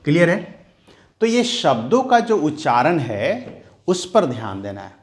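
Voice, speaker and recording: A man teaching a grammar lesson, who explains slowly and repeats each point as a question to his students. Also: a little high, big pitch swings, a little hiss or hum. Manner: slow, repeats key words as questions to the class. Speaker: English teacher.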